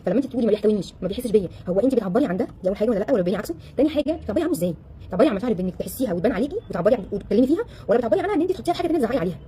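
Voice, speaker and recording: A woman with an Egyptian Arabic accent coaching a live audience in a casual, animated way, firing off rhetorical questions and acting out the voices of the people she quotes. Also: a little high, racing, slight background noise. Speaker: relationship coach.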